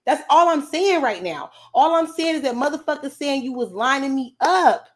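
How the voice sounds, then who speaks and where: Here a woman with a high, animated voice streams live at a normal speed. She fires back at chat comments casually and confrontationally, being brash and profane as she goes.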